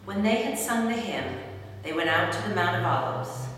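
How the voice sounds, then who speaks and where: A woman's voice: on the low side, lively intonation, normal speed, a bit bright. A woman narrator giving a scripted dramatic reading of scripture. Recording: very echoey hall, distant mic, faint noise.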